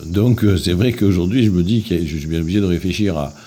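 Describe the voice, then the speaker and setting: A man's voice: deep voice, warm tone, slightly rough. A man in his sixties from Marseille with a strong Marseille accent, speaking thoughtfully and hesitantly about keeping his accent. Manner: thoughtful, hesitant with many pauses. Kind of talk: reflective interview testimony. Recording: noisy background.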